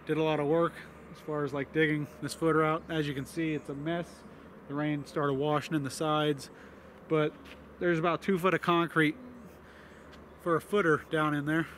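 Faint outdoor ambience and a little hiss or hum accompany this handheld recording of a homesteader strolling through his building site. He speaks in a slightly higher voice, relaxed and plain, stopping on fillers as he narrates.

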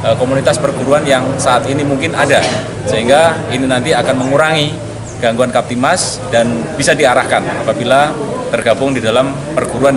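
Male police spokesman, forties, official and formal, medium pitch, interviewed at an event with a loud crowd behind. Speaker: deputy police chief, interviewee. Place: open-sided event hall, press doorstop.

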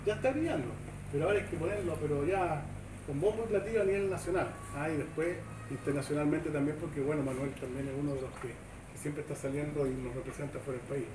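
A man's voice: fairly high pitch, fast talker. Chilean man speechmaking in an echoey shed. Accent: Chilean Spanish. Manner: chatty, folksy, seeking agreement with tag questions. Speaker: government official giving a speech. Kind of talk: informal public speech. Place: open-sided covered sports shed, semi-outdoors. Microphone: far camera, no microphone. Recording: echoey shed heard from a distance, background noise.

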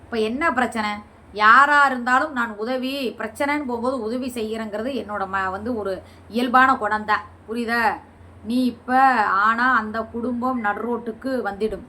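Scolding, sarcastic bright-voiced woman. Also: a little high, steady tone, normal speed, a little hiss or hum. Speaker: vlogger answering viewer comments. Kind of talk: heated reply to comments.

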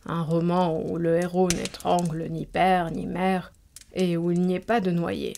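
A woman voicing an old, haughty and capricious countess in a storybook reading, giving drawn-out commands. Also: fairly low pitch, flat delivery, creaky, mellow. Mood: imperious.

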